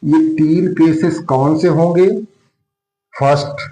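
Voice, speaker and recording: A man's voice: fairly high pitch, steady tone, dark tone, faint music behind. A man teaching a maths lesson in Hindi and English, dictating a geometry proof and asking himself questions as he writes. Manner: asks and answers his own questions while writing; Hindi mixed with English terms, dictating slowly. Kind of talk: classroom lesson at a board. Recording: echoey room.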